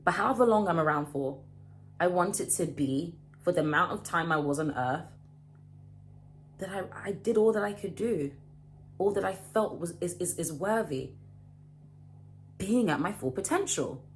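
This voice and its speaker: A woman in her late twenties giving a casual motivational talk to camera, animated and emphatic, often repeating and restarting her phrases. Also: lowish voice, moderate pace, long pauses, a little hiss or hum. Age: late 20s. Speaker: vlogger.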